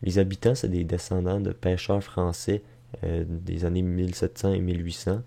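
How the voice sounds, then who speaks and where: A travel vlogger with a Quebec French accent narrates informally, colloquial, unscripted, and hesitant, on noisy amateur audio with no echo. His voice is low-pitched, creaky, and mellow, with a level tone at a normal speed.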